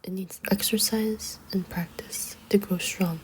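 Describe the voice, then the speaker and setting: A woman reads a children's book aloud as ASMR in a hushed, librarian-like whisper. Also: medium pitch, fairly even intonation, measured pace. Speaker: ASMR reader.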